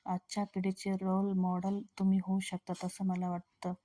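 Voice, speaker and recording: A woman's voice: medium pitch, monotone, normal speed, dark tone, natural voice. A woman reading a needling male reporter. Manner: needling, mock-polite questions.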